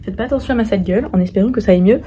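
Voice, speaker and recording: A woman's voice: mid-range voice, rapid-fire, mellow. Chatty young woman vlogging over street noise. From France. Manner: chatty, informal, lots of hesitations. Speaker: travel vlogger. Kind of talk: casual travel vlog talk to camera. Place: outdoors and in small rooms and cafés in a busy city.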